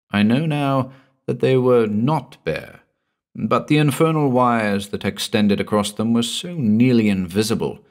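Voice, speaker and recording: A man reading a first-person horror story aloud in a slow, measured, brooding way. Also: lowish voice. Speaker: audiobook narrator. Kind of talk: scripted horror story narration.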